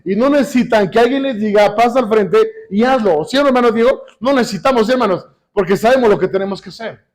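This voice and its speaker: A man preaching a sermon in church, repeatedly asking the congregation questions and reading scripture slowly. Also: sits high. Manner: addresses congregation constantly with rhetorical questions; reads scripture slowly and deliberately. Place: church service.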